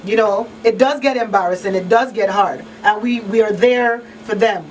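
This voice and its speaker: A radio talk show host and crisis counselor leads an informal panel, her medium-pitched voice moving at a moderate pace. She gives advice emphatically, repeating points for weight, picked up by a distant microphone in a noisy room.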